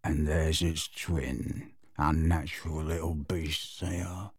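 Ancient male house elf: bottom-of-the-range bullfrog croak, malevolent, dragging mutter for a storybook. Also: little pitch movement, no echo, studio quality, exaggerated voice. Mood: spiteful. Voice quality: hoarse, deep, bullfrog-like croak. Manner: muttering under his breath, slow and doggedly resentful. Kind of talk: audiobook character voice.

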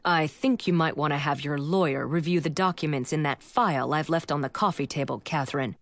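A woman's voice: low voice, a little fast, no echo, voice pushed down. A woman voicing a stern middle-aged father who speaks in an icy, clipped way. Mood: cold stern.

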